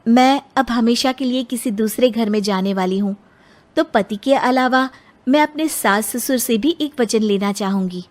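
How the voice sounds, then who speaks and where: A woman voicing an outspoken young bride-to-be in an animated moral story, speaking firmly. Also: on the high side, moderate pace, close to an everyday voice. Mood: firm, earnest. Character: educated, outspoken young bride-to-be, indignant daughter.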